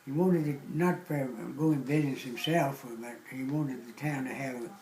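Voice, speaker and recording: An older man from southwest Virginia with an Appalachian accent, casually recounting memories in a folksy, halting way. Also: mid-range voice, a little mellow, roomy sound, low-quality recording. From southwest Virginia, United States. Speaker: interviewee recounting local memories. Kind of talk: casual oral-history reminiscing.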